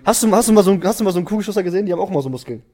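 Young man, podcast co-host, quick talker, slangy, topic-hopping. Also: high voice, lively intonation, warm tone. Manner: slangy, jumps between topics, laughs often. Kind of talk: casual chat.

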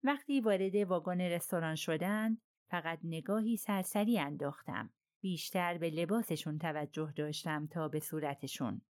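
A woman's voice: on the low side, a little mellow, lightly acted. A woman voicing a guarded, emotional young English governess in an audiobook. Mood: dismissive. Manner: strained, emotional.

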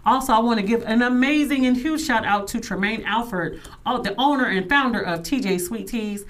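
Brief: woman, talk show host, emphatic and animated, near a studio mic. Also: on the high side, a little fast. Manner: emphatic and animated, says she sounds aggressive. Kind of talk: casual talk show chat. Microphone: studio microphone.

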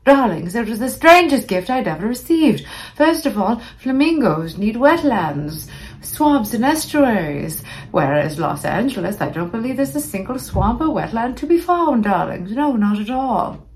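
A woman's voice: a little high, sing-song, normal speed, darkish tone, a little hiss or hum, poor audio. A vain phantom starlet of old Hollywood, holds court on a comic podcast. She is theatrical and arch, with the campy grandness of a drag queen. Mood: gossipy, grand. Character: campy vain old-time Hollywood movie-star ghost, female. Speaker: podcast host. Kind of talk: comic in-character podcast monologue.

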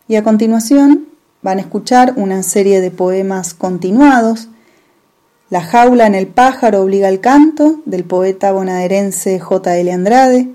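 A woman hosting a radio culture program, announcing songs and poems with clear, informative introductions. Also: mid-range voice, dark tone.

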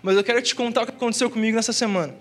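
A young man with a Brazilian accent preaches in a high voice. He tells a personal testimony in a slangy, earnest way. He is speaking in a church. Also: fairly even intonation, racing. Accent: Brazilian Portuguese. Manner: slangy and earnest, peppered with "cara" and "velho". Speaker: youth preacher. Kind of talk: casual testimony sermon.

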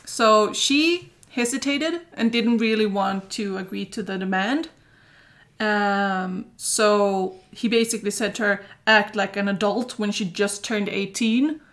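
A woman's voice: mid-range voice, unhurried. A woman hosting a casual chat, recounting events with plenty of fillers. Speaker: host recounting a story.

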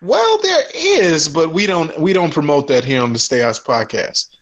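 A man co-hosting a podcast in casual chat, agreeable and quick to laugh. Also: fairly high pitch, dull audio. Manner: lively, laughs easily, agreeable. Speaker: podcast co-host.

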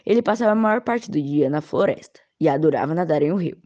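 A woman's voice: low voice, expressive, fast, mellow. Woman reading a story, dull lo-fi sound. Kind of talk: storytelling read-aloud. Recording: dull lo-fi recording.

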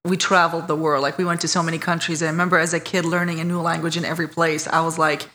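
Speaking fast in a deep, flat voice, a woman from Iraq shares her life story as a podcast guest. She's warm and candid, poking fun at herself throughout the casual interview storytelling, with slight background noise present.

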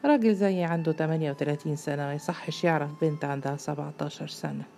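A woman's voice: low-pitched, steady tone, racing, gravelly, dark tone, a little hiss or hum. A woman with an Egyptian accent voicing a pushy, angry man of thirty-eight who scolds sharply in a storybook reading. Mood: bitter. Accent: Egyptian Arabic.

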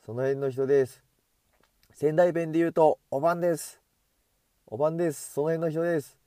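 Mellow-voiced man rambling with a runny nose. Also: fairly high pitch, steady tone, a little fast, no room sound. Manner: chatty and self-amused, talks to himself. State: runny nose from hay fever. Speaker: solo podcaster. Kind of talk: casual rambling monologue. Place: outdoors on a street, walking. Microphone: earbud headset mic.

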